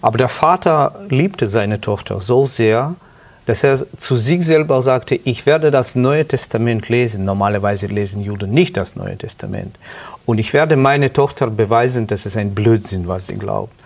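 Mann mit ukrainischem Akzent, ernst erzählend. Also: male voice, medium pitch, a little mellow. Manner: earnest, halting non-native German with restarts. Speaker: guest. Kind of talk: personal testimony interview.

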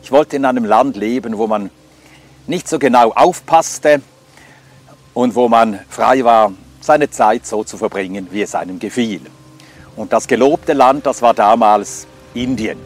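Speaking at a measured pace with faint music in the background, an older Scandinavian man gives his life testimony in a mid-range voice. Swedish is his first language, and he comes across as reflective and hesitant, often reaching for fillers.

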